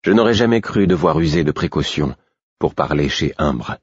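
Un homme à la voix extrêmement grave et un peu voilée raconte une histoire à la première personne, d'un ton posé et régulier. L'enregistrement est sec, sans réverbération, avec un son légèrement terne. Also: male voice, very deep voice, expressive, normal speed, husky, dry recording, highs cut off. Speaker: audiobook narrator. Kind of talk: scripted first-person narration.

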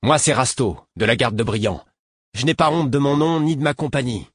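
A man's voice: on the low side, moderate pace, slightly rough, dry recording, pitched above the performer's own voice. A man voicing a brash, aggressive teenage male guard in an audiobook, snapping out challenges. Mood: sneering. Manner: belligerent, snapping.

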